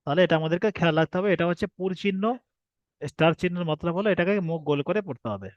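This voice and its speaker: A man's voice: fairly high pitch, rapid-fire, no echo, muffled recording. A man teaching an online class on the shapes and pronunciation of the alphabet, explaining patiently and repeating himself with rhetorical questions. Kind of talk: online recorded class lesson.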